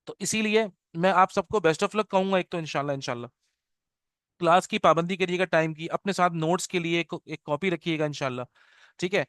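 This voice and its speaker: A man's voice: on the high side, a bit bright, clean tone, dry recording, studio quality. A middle-aged man teaching an online class orientation, switching between Urdu and English and checking in with his students often. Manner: mixes English into Urdu, keeps checking with "okay?". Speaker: Arabic teacher. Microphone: video call.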